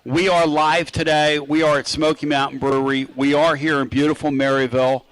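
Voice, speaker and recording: A man's voice: a little high, flat delivery, brisk, a bit bright, clear, resonant tone, dry recording, low-quality recording. An American man hosting live sports talk radio, addressing listeners with a ringmaster's showman patter and casual banter. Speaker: sports talk show host. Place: live remote from a restaurant brewery.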